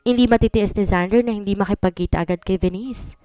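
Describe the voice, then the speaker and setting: A woman's voice: medium pitch, fast talker, mellow, clear, resonant tone, no room sound, soft background music, lightly acted. A woman voicing a jovial young husband who jokes casually with his friends in a storybook reading. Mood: joking. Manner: joking, casual banter.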